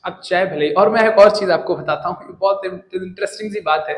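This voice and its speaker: A man teaching, giving an earnest, animated motivational talk to his students. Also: high voice, a little fast, roomy sound, rough recording.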